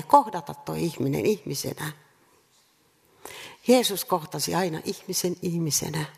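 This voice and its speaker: Woman preacher, gravelly mid-pitched voice, earnest sermon full of repeated questions, long hall reverb. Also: darkish tone. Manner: earnest, repetitive rhetorical questions with pauses.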